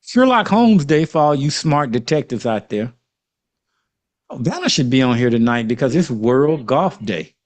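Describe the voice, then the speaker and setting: A man's voice: medium pitch, very animated, normal speed. A man with an Arkansas accent, chatting casually as the host of a panel talk.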